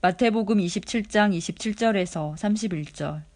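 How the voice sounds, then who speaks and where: A reader giving a steady, measured daily scripture reading. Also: medium pitch. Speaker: Bible reader.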